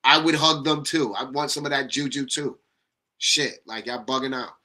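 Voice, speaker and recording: Blunt, trash-talking man with a bright voice. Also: mid-range voice, steady tone, normal speed, rough recording. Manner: blunt, profane trash talk. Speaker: podcast co-host. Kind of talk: casual sports chat.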